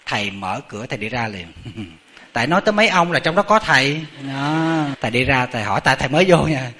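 A middle-aged Buddhist monk with a Southern Vietnamese accent tells a story in a chatty, animated sermon, frequently turning to address the audience. His voice is medium-pitched and fast.

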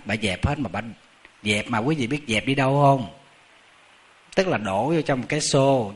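A middle-aged man, a Buddhist monk with a Southern Vietnamese accent, telling a story in a chatty, animated sermon that often turns to the audience. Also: medium pitch.

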